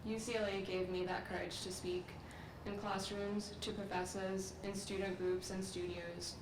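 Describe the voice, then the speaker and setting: Through a podium microphone at a large outdoor courtyard ceremony, a young graduate student from Sri Lanka delivers her commencement speech with measured, earnest reflection. She has a medium pitch and flat delivery, and the sound is echoey, distant and noisy.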